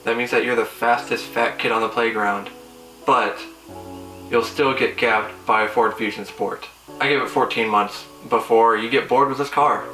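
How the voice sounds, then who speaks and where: A man's voice: mid-range voice, steady tone, moderate pace, pushed and bright. A young man hosting a car video, delivering a casual scripted roast and review in a sarcastic, teasing manner. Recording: roomy echo, distant mic, faint music.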